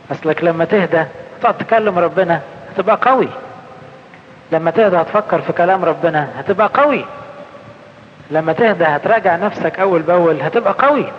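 A high-voiced man with an Egyptian accent delivers a colloquial sermon, putting questions to his listeners and then answering them. He slows down for the scripture quotations. The sound is a little dull and rings through a large reverberant hall. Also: a little hiss or hum. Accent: Egyptian Arabic. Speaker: priest. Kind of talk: conference sermon.

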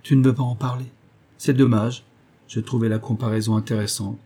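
A man's voice: mid-range voice, flat delivery, a little fast, warm tone, close to an everyday voice. A man voicing Brugh, a vain, sarcastic man who taunts his lover. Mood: mocking.

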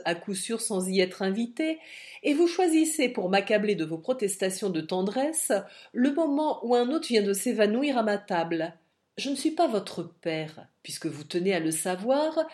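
Brief: woman reading a bullying old man, shouting, sarcastic, contemptuous, for a storybook. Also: mid-range voice, close to an everyday voice. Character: irascible old man, domineering and scornful.

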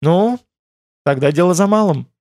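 A man voicing a soft, fretful young woman, a worried bride-to-be in an audiobook. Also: high-pitched, lively intonation, moderate pace, dry recording, studio quality, pitched above the performer's own voice.

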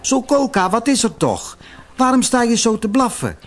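Man voicing a young princess, kind, curious, high put-on voice, fairy tale. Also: very animated, normal speed, soft background music, exaggerated voice. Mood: gentle. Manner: gentle, chiding.

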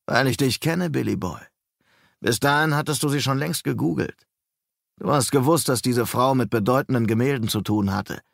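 A man's voice: mid-range voice, moderate pace, vocal fry, no room sound, studio quality. A man voicing a brash, mocking male police detective in an audiobook, with a scornful, needling manner.

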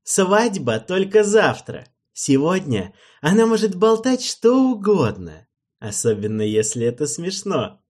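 A sneering tyrant king, voice raised high above the narrator's and thrown out loud and slow, every phrase a taunt, as a male audiobook reader puts him on. The tone stays husky under the bluster. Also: very animated, heavily acted. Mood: jeering. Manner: booming, slow, jeering. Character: cruel loud-mouthed male king, mocking and domineering.

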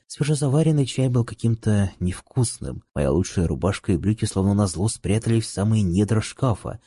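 A man narrating a story as an audiobook, with steady, even storytelling. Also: on the low side, slightly rough, dry recording. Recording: dry close recording.

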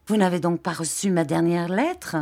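A woman voicing an excitable, warm-hearted young male lawyer who gushes in breathless, drawn-out exclamations. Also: lowish voice. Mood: eager.

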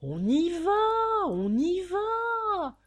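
A woman's voice: very high-pitched, very animated, extremely slow, pitched above the performer's own voice, full character voice. A woman voicing a sleepy, coarse male cab driver who grumbles in slang, in an audiobook. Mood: grumbling.

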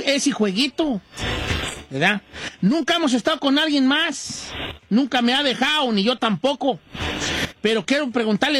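Radio host, earnest reading of a listener letter, mid-pitched voice. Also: a bit bright.

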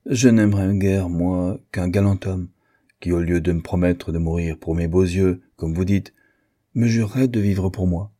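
A man's voice: low voice, fairly even intonation, moderate pace, mellow. A man reading an earnest young American girl. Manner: firm, clipped.

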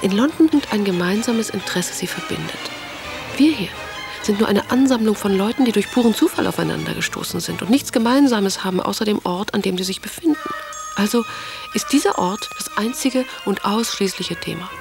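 A woman's voice: medium pitch, expressive, fairly quick, creaky. An actress playing a passionate aristocratic woman writer, reading her letters in an intimate, often half-whispered voice over music. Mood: musing. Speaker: letter-writing lover. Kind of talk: radio drama reading of letters.

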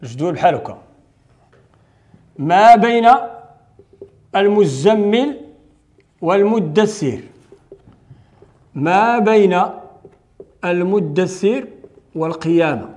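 A man's voice: high voice, expressive, slow pace, pauses often, a little mellow. A man with a Moroccan accent teaching Quran recitation rules in a classroom lecture, explaining step by step and answering his own questions.

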